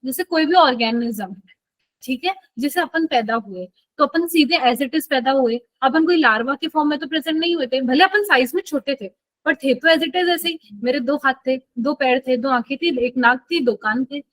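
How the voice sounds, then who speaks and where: A woman's voice: high voice, normal speed, no room sound, rough recording. A woman teaching a live online biology class in a chatty way, often checking that students follow.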